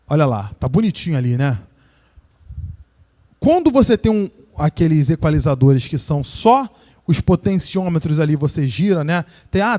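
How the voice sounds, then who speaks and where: A Brazilian man with a fairly high yet mellow voice runs a hands-on class for a room of listeners. He explains in a relaxed, chatty way and keeps checking that people are following along. The sound is dry and close, with no room echo. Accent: Brazilian Portuguese. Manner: casual and explanatory, checks in with tag questions. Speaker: sound course instructor. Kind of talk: live hands-on demonstration lesson. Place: room with a live audience and a sound system.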